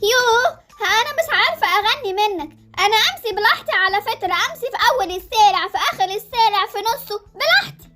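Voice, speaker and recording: A woman's voice: very high voice, lively intonation, quick pace, sharp tone, faint music behind, full character voice. A woman voicing a cheeky, stubborn young girl with an Egyptian accent, who sings and talks back in a Roblox series. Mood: defiant. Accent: Egyptian Arabic. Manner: sing-song, defiant, talks back.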